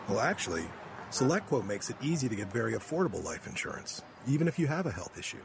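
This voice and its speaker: A man's voice: mid-range voice, big pitch swings, fast, creaky, noisy background. A man reading a scripted insurance commercial as an announcer.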